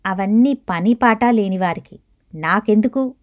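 A woman's voice: mid-range voice, unhurried, natural voice. A woman reading the lines of an irritable, dismissive middle-aged son, curt and annoyed, in storybook narration.

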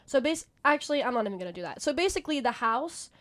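A young woman co-hosting a podcast, telling a story in casual chat, animated and full of "basically" and "like". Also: high voice, quick pace, no room sound. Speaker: podcast co-host.

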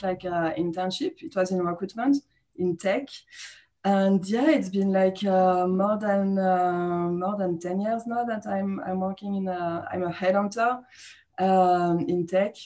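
As a podcast guest, a woman from France in her thirties talks in an easygoing interview, with frequent laughter and plenty of fillers in her French-accented speech. Her mid-range voice is warm and a little slow.

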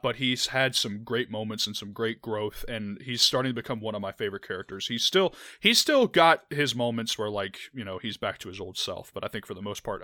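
A young adult man co-hosts a podcast of casual anime chat, rambling with lots of restarts and "like" fillers. His voice is lowish with a sharp tone, and the recording is dry.

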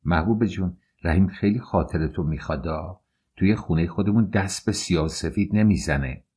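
A man's voice: deep voice, darkish tone, breathy edge. A man reading the lines of a meddling older mother-in-law in an audiobook, sly and mocking. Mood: teasing.

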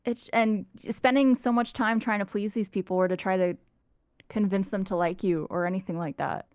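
A woman's voice: mid-range voice, fairly even intonation, moderate pace, a little mellow, clear, resonant tone, dry recording, studio quality. A woman in a casual podcast chat, talking earnestly and frankly, with the odd swear word for emphasis.

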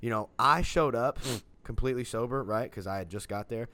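A man co-hosting a casual podcast chat, swearing freely and telling lively stories. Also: medium pitch, brisk, dry recording. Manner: profane, animated storyteller. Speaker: podcast co-host.

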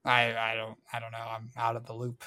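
A man co-hosting a podcast, explaining in a relaxed, casual way with filler words. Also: medium pitch, fairly quick, dry recording. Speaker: podcast co-host. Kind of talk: casual chat.

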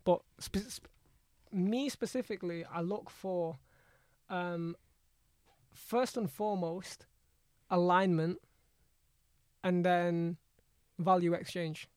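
A man's voice: sits high, fairly even intonation, takes it slowly, long pauses, darkish tone, clear, resonant tone, no echo, clean studio sound. A man with an urban London roadman accent, telling stories casually in slang as a podcast guest and repeating his phrases. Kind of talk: casual conversational storytelling.

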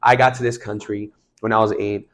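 A young man from Mexico in his twenties, talking about faith with a fired-up, emphatic energy. His voice sits somewhat low, and his talk is loose and casual, packed with slangy fillers. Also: little pitch movement, fairly quick. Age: 20s.

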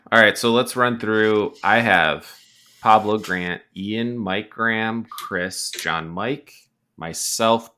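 A man's voice: lowish voice, bright, forceful tone. A man hosting a casual fantasy football podcast in an informal, chatty style. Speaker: podcast host.

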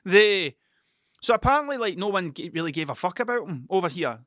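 A man's voice: sits high, animated, a little fast, fairly bright tone, dry recording, studio quality. A man with a broad Ayrshire Scottish accent, rambling casually and bluntly, swearing freely and questioning himself as he goes. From Scotland, Ayrshire.

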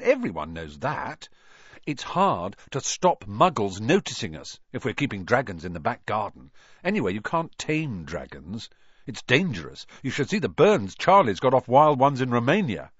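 A man's voice: mid-range voice, big pitch swings, moderate pace, fairly bright tone, breathy edge, no room sound. A man voicing a lazy, blunt schoolboy who blurts things out, in a dull, dry recording. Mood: eager. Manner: blurting, exclamatory.

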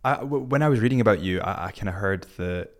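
Low-voiced man interviewing casually. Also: fast.

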